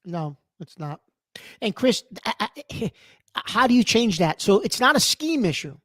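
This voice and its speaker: Insistent high-voiced man co-hosting. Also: sing-song, unhurried, pushed and bright, dry recording, studio quality. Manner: defensive, insistent, repeats his point. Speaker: podcast co-host. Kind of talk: heated sports talk.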